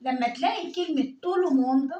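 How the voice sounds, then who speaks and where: A woman with an Egyptian Arabic accent leads an exam-prep French lesson. She speaks in a high voice, asking questions aloud and answering them herself as she goes. The sound carries the echo of a reverberant room. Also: quick pace, warm tone, muffled recording, slight background noise. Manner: explains step by step, asks and answers her own questions. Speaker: French teacher.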